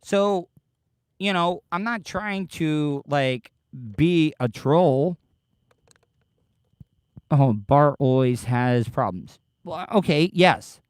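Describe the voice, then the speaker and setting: A man hosting a casual livestream, talking haltingly and defensively with profanity, his speech slightly slurred as if his lip is full of dip. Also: on the high side, expressive, clear, resonant tone, no room sound. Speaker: podcast livestream host. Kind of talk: casual livestream chat, answering live commenters.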